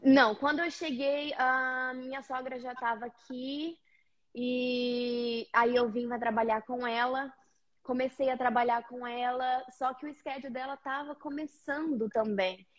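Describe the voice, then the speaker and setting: With the highs cut off, a high, steady voice comes through at a measured pace from a Brazilian house cleaner from Paraná. She is a friendly, slightly nervous guest in a casual video-call interview, leaning on many fillers.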